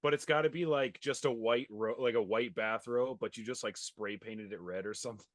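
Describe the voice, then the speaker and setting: A man's voice: mid-range voice, dry recording, clean studio sound. A man co-hosting a podcast, crude and playful in casual banter. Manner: crude, playful, quick to laugh. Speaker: podcast co-host.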